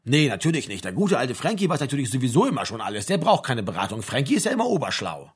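Guy doing a fed-up young dude telling his buddy off, bit husky. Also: mid-range voice, big pitch swings, quick pace. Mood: exasperated. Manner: scolding, exasperated. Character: exasperated young man on the sofa, eager to please. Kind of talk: audiobook character reading.

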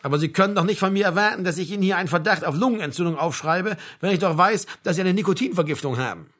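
A man voicing a blunt, mocking old male doctor with a gruff, brusque manner. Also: sits high, rapid-fire, a bit bright. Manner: gruff, brusque, with a bleating laugh.

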